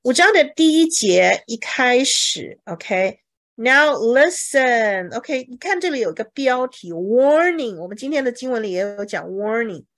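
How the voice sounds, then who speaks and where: A woman's voice: fairly high pitch, very animated, measured pace, fairly bright tone. A woman teaching a bible English lesson in Mandarin, explaining each word and checking with her students. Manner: acts out examples dramatically.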